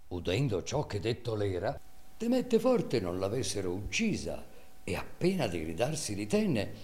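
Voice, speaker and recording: A man giving a dramatic, measured reading of classic prose. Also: lowish voice. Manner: expressive, measured storytelling. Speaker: reader.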